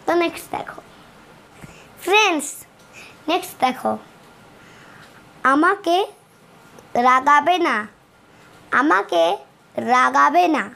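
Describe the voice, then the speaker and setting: A woman teaching spoken English, acting out short everyday dialogues and repeating each phrase slowly for learners. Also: sits high, vocal fry, pushed and bright. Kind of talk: slow bilingual lesson with example dialogues.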